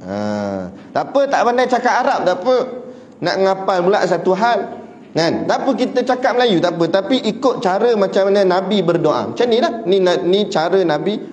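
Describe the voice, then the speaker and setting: A man giving a religious lecture, telling stories in an animated way and chuckling between points. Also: high voice, a little fast. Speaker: religious teacher. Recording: echoey hall, dull lo-fi sound, faint hiss.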